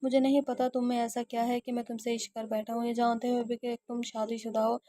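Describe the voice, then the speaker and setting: A woman's voice: a little high, little pitch movement, mellow, natural voice. A woman reading the part of a lovesick gangster man who earnestly pleads his love in an audio novel. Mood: pleading.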